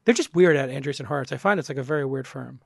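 A man hosting a podcast in casual, rambling conversation, animated and swearing casually. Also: medium pitch, very fast, creaky, slightly rough, no room sound, clean studio sound. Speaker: podcast host.

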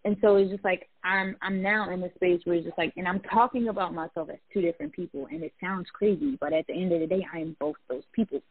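A woman's voice: lowish voice, fast, hardly any pauses, husky, no echo. A woman who is a poet and public speaker, talking reflectively in casual conversation with lots of "like" fillers. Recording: tinny phone-like line.

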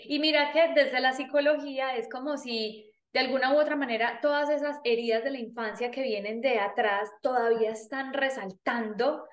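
A woman's voice: sits high, steady tone, moderate pace, hardly any pauses. A woman hosting a casual interview, reacting with enthusiastic agreement. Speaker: host. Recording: echoey room.

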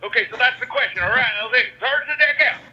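Chatty male caller on a muffled landline voicemail, very bright and piercing. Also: extremely high pitch, fast talker. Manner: joking, chatty, trails off. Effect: over a landline phone voicemail. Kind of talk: casual rambling voicemail. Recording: muffled phone-line voicemail.

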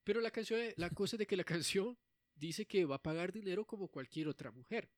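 A young man co-hosting a casual chat, animated and quick to laugh, often acting out the lines he talks about. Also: high voice, no room sound, clean studio sound. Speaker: podcast co-host.

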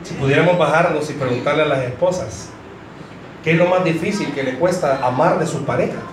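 A man preaches to couples in a bright, high voice, teasing the congregation and drawing laughs. His voice rings around a roomy church hall over a faint hiss. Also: a little fast. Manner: joking, addresses the congregation directly. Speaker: pastor. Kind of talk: sermon to married couples.

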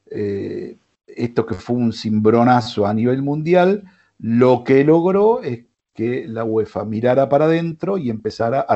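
With a medium pitch and a warm tone, a man hosts a sports radio show in a studio, speaking with an Argentine Spanish accent. His casual talk rambles, with many fillers and restarts, and the recording is muffled.

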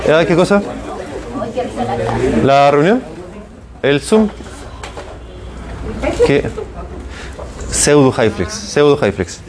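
Slow-talking Chilean male lecturer. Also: a little high, sing-song, crowd noise. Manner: drills pronunciation, repeats words, keeps asking for agreement. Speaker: university lecturer. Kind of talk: hybrid class lecture.

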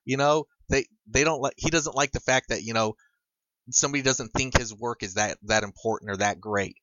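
A man co-hosting a casual podcast chat who talks haltingly, restarting his sentences as he explains comic-book stories. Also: mid-range voice, a bit bright, no room sound. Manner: halting, many restarts while recounting comic lore. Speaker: podcast co-host. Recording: dull, lo-fi, dry sound.

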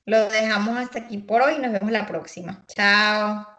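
A woman's voice: medium pitch, steady tone, moderate pace, bright, forceful tone. A woman co-hosting a casual analytical talk, thoughtful, repeating words as she searches for them. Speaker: co-host analyzing song lyrics.

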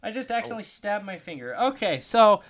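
A man's voice: high-pitched, very animated, fast talker, fairly bright tone. A man hosting a casual sports podcast, laid-back and teasing. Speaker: podcast host.

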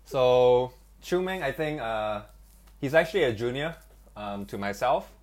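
A man's voice: mid-range voice, animated, unhurried. A young man co-hosting a casual podcast, chatty, with many fillers and restarts. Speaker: podcast co-host.

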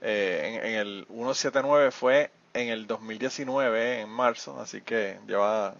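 A man's voice: on the low side, a little slow, vocal fry, fairly bright tone, lo-fi sound. A man hosting a podcast in a laid-back, joking, chatty way. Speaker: podcast host. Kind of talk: casual podcast chat.

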